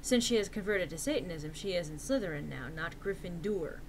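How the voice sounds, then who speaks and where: A woman's voice: lowish voice, animated, fairly quick, a little hiss or hum, rough recording. A woman giving a dramatic reading of fan fiction with the theatrical delivery of a hammy stage actor. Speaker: reader.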